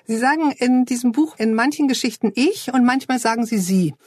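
Woman interviewer, attentive, husky tone, dry close sound. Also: fairly high pitch, brisk, a little mellow, no room sound. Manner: attentive, affirming with frequent murmurs. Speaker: podcast interviewer.

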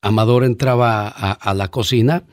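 A man's voice: mid-range voice, steady tone, no room sound, clean studio sound. A man, a guest on an interview show, telling stories in a casual, earnest way with fillers. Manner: warm storyteller, earnest, pauses with fillers.

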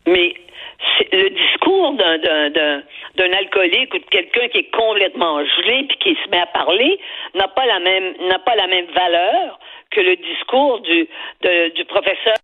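Older female caller, Québécois accent, husky phone audio, emphatic, stumbling over repeated words. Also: lowish voice, lively intonation, normal speed. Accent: Québécois French. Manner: emphatic, repeats words while searching for them. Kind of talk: opinionated radio call-in talk. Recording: tinny phone line.

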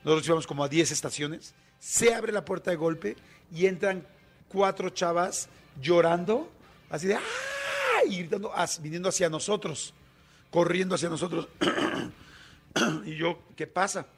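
A man with a Mexican Spanish accent, a radio guest telling a story in a colloquial, animated way with many fillers. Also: a little high, normal speed, creaky, slightly rough.

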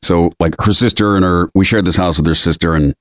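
A man's voice: low voice, fairly quick, dry recording, clean studio sound. A man co-hosting a podcast, telling a story in casual chat and acting out the voices of people in it. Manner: animated storyteller, acts out quoted voices. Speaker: podcast co-host.

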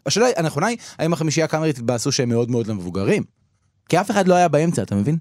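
Wry Israeli man, fairly high voice. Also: big pitch swings, a little mellow, no echo, clean studio sound. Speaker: podcast co-host. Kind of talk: casual chat.

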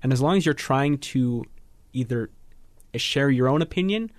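Teen boy panelist, measured and explanatory, mid-pitched, dry studio sound. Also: animated, no room sound. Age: teens. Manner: measured, explanatory, frequent ums. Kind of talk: thoughtful radio panel talk. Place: radio studio.

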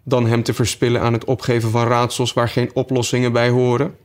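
A man's voice: mid-range voice, little pitch movement, a little fast, lightly acted. A man reading aloud, voicing a polite, curious young girl in a raised voice.

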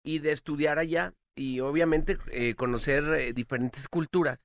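A Mexican man co-hosting a morning radio show, speaking earnestly and haltingly. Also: on the high side, steady tone. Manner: earnest, halting, many restarts. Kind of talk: casual chat.

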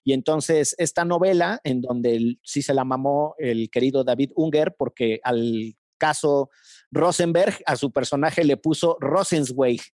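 A man with a Mexican accent telling a comic anecdote in casual chat, animated and quick to laugh. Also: mid-range voice, no echo, studio quality. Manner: animated, laughs often, acts out voices in anecdotes. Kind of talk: casual comedic storytelling.

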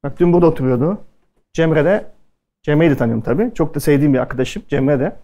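A man's voice: a little high, lively intonation, quick pace, warm tone, dull audio. Chatty man telling anecdotes onstage. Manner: chatty anecdotal delivery, acting out quoted dialogue. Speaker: speaker at a culinary event. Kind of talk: casual storytelling talk to an audience.

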